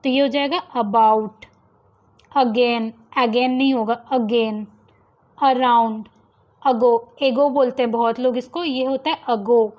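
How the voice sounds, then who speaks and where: A young woman teaching English pronunciation, repeating example words slowly to contrast wrong and right ways of saying them. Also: fairly high pitch, fairly even intonation. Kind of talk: phonics lesson explaining pronunciation rules. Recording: slightly dull lo-fi sound.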